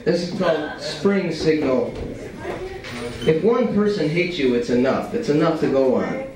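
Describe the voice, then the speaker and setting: The young writer's voice runs on the high side with lively intonation, unhurried as he reads his profane, colloquial work at a stand mic. Captured by a far camera in the small, dim cafe, the sound is echoey and full of crowd chatter.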